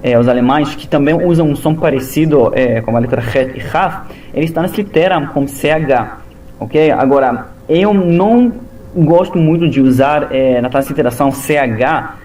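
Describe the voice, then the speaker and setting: Halting man teaching pronunciation. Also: a little high, a little mellow. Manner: slow, halting, methodical explaining. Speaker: Hebrew teacher. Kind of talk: language lesson.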